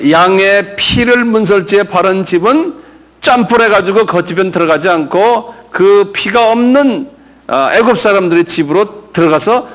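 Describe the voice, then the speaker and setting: A man's voice: sits high, fairly bright tone. A man, a pastor, giving a Bible class lecture, quizzing his listeners and having them repeat words after him. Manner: drills pronunciation, quizzes listeners, chuckles. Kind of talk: classroom lecture with audience questions.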